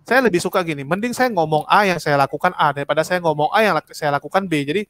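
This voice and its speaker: A man's voice: fairly high pitch, fast, a bit bright, no echo. A man, a guest in a casual interview, talking animatedly and repeating words insistently.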